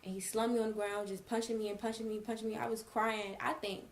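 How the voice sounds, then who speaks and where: A woman's voice: fairly high pitch, little pitch movement, quick pace, slight background noise. A young woman vlogger telling a personal story in a casual storytime style, acting out quoted dialogue with emphasis. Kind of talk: storytime vlog, casual retelling.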